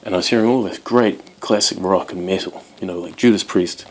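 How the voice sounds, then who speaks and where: A Welsh-born man in his twenties hosts his guitar channel, chatting casually to camera and rambling with many ums. His voice is low and brisk.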